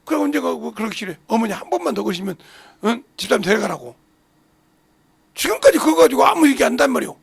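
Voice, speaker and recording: With big swings in pitch, a creaky, husky male voice races through a fiery sermon, shifting from shouts to mutters and pressing the congregation with rhetorical questions. The recording has no room sound.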